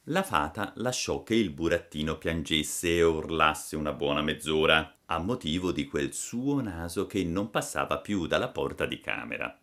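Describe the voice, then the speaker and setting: A man reads a children's story aloud, turning to his listeners now and then. He takes his time, with an unhurried pace, and his voice swoops widely up and down to bring the tale alive. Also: low-pitched. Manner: expressive, addresses listeners directly.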